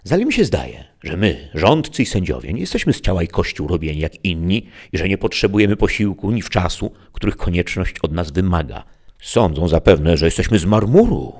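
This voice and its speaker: A man voicing a blustering, hungry peasant-governor who grumbles indignantly and loudly. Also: deep voice, big pitch swings, brisk, vocal fry, slightly rough, full character voice. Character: blustering hungry peasant-governor Sancho, male, middle-aged.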